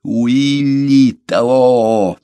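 A man's voice: lowish voice, unhurried, no echo. A man doing Becker, raging and raw. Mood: furious. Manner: shouting, fierce, hoarse outbursts. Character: furious grieving man, half-mad with rage.

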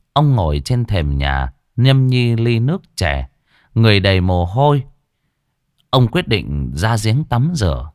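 A man's voice: low voice, no echo, studio quality. A man narrating a ghost story in a dramatic, scripted way. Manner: dramatic, varied delivery.

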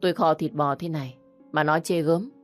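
A woman's voice: sits low, fairly even intonation, fairly quick, faint music behind, lightly acted. A woman doing a weary older mother-in-law. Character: put-upon older mother-in-law, defensive.

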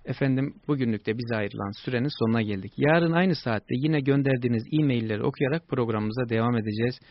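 A man hosting a radio advice show, calmly reassuring listeners and explaining child-rearing answers to their emails. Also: mid-range voice, fast talker, no room sound. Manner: reassuring, explanatory, with lively stressed peaks. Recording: dull lo-fi broadcast, dry.

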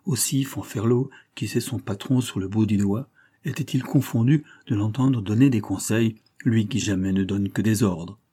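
A man's voice: on the low side, moderate pace, warm tone, breathy edge. A man steadily narrating a classic novel as an audiobook reader.

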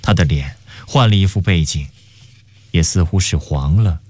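A man reading a story aloud for radio in an expressive scripted narration. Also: low-pitched, normal speed. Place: radio studio.

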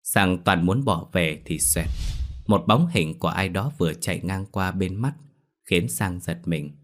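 A man narrating a ghost story audiobook in a steady storytelling manner. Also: low voice, unhurried.

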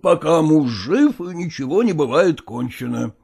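A man playing a pragmatic older merchant father who coaxes his daughter in a dramatized reading, with a husky, gravelly voice and folksy persuasion. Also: a little high, sing-song, moderate pace, full character voice. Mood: coaxing.

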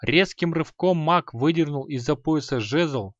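A man reading a fantasy story aloud in a measured, expressive storytelling manner. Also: a little high, no echo, lo-fi sound. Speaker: audiobook narrator. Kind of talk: scripted fantasy narration.

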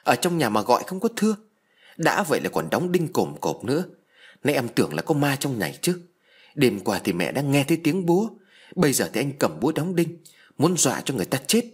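A man voicing a frightened, angry young wife and mother in a spoken ghost story, scolding fast and then soothing her child. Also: mid-range voice, big pitch swings, husky, voice pushed up.

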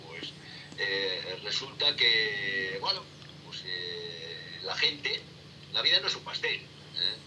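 Halting middle-aged man on a noisy line. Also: deep voice, animated. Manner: halting, many fillers and repeated "¿eh?". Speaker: sailing instructor. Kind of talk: rambling interview answers. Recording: distant noisy remote line.

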